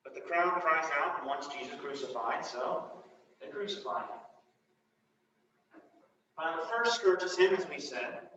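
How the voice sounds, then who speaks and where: A priest preaching a sermon in a lively way, acting out the speakers he quotes, recorded from far off in a large church. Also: fairly high pitch, unhurried, long pauses, slight background noise. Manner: animated, acts out the speakers he quotes. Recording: distant, echoey, dull church recording.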